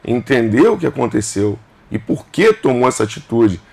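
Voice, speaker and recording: A man's voice: medium pitch, sing-song, moderate pace, gravelly, darkish tone, slightly rough. A man in his fifties, a governor being interviewed on a casual podcast, who speaks emphatically in short clauses and repeats phrases. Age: 50s.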